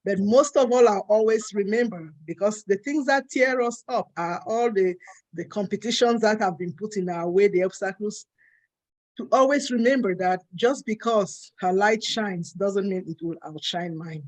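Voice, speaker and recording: A woman's voice: mid-range voice, moderate pace, darkish tone. Earnest woman co-host. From Cameroon. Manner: earnest and emphatic. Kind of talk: panel discussion.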